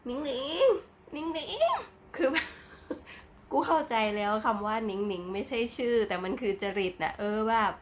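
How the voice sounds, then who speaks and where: Excited woman reacting with crude slang. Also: medium pitch, moderate pace, a little hiss or hum. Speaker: reaction vlogger. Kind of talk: casual reaction commentary.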